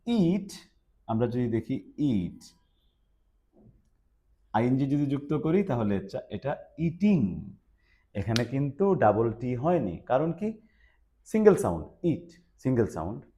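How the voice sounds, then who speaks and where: Lively, emphatic male teacher. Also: mid-range voice. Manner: lively and emphatic, with frequent "ah" fillers. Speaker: English teacher. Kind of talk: explaining spelling rules in Bengali. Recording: dull lo-fi recording.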